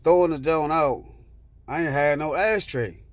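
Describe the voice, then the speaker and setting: A man's voice: a little high, unhurried, dry recording. A man telling a rambling personal story in casual street slang with plenty of swearing, sitting in a parked car.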